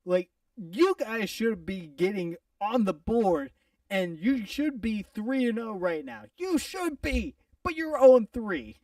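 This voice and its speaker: Excitable high-voiced man talking football. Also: measured pace, no echo, far from the mic. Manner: excitable, playful, theatrical swings in loudness. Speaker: podcast co-host. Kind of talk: casual sports prediction chat.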